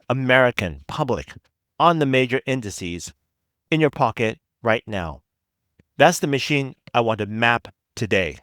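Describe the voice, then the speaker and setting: A man hosting a podcast, giving scripted investigative narration in a measured, reflective way with deliberate emphasis. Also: medium pitch, fairly bright tone, dry recording. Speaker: podcast host.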